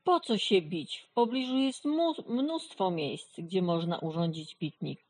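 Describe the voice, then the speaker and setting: A woman's voice: fairly low pitch, lively intonation, a little slow. A woman voicing a friendly, earnest male dog in a children's storybook. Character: cheerful, peacemaking male dog.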